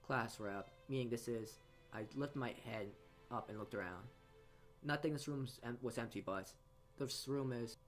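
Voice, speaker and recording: Game music runs beneath a man reading a visual novel aloud as a let's play host. Speaking in a mid-range voice at normal speed, he adds asides and often stumbles over words, then re-reads them.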